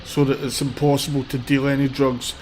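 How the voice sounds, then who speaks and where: This male livestreamer talks briskly and flatly at a medium pitch, offering blunt, rambling remarks from a city street on a handheld phone. He has a cold and sniffles a little, while heavy traffic roars behind.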